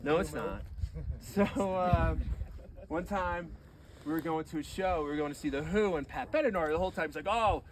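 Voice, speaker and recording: A man telling rambling anecdotes about a friend at a memorial gathering, getting animated as he relives the tense moments. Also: fairly high pitch, a little fast, slight background noise, poor audio. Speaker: eulogy speaker. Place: gathering on a deck.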